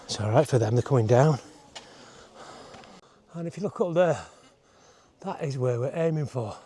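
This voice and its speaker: A man's warm, animated, mid-range voice comes through at normal speed as he hikes uphill on a forest trail, sounding exerted. He's a travel vlogger and host offering casual, chatty walk-and-talk commentary laced with wry understatement.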